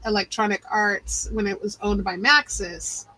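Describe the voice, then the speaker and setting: A middle-aged woman hosting a casual live stream chat, animated and chatty. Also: medium pitch, moderate pace, a little hiss or hum, poor audio. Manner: animated, chatty, says y'all. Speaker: channel host.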